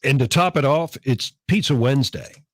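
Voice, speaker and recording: A man's voice: medium pitch, moderate pace, no room sound, clean studio sound. Folksy Southern man co-hosting radio. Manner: folksy, jokey, muses aloud. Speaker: radio co-host. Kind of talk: casual morning radio chat. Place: radio studio. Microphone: studio microphone.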